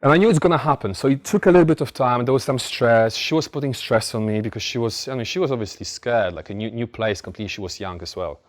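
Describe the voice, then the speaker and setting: A man's voice: medium pitch, fast talker, hardly any pauses. A man from Poland with a Polish accent giving a blunt, informal motivational talk, telling stories with emphatic repetition. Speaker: motivational speaker. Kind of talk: motivational talk to a live audience.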